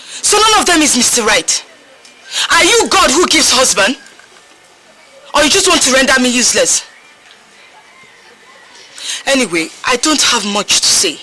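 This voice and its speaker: An actress with a Nigerian accent playing a headstrong young woman demanding to marry, defiant and sharp. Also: sits high, big pitch swings, unhurried, pauses often, exaggerated voice, poor audio. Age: young adult. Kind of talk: film drama acting. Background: film score music.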